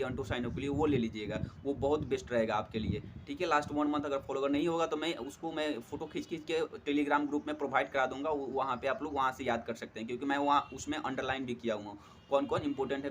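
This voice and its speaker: This young man has a mid-range voice and talks over a noisy background. Acting as an exam prep tutor, he offers friendly, casual study advice full of fillers, frequently addressing listeners as friends with "theek hai doston."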